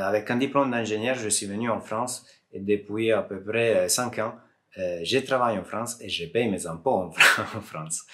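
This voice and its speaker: A man from Italy, whose voice is on the low side and a bit bright, talks casually in French to his camera as a tech YouTuber. French is not his native language, so an Italian accent comes through, and he jokes around in a friendly way with hesitations.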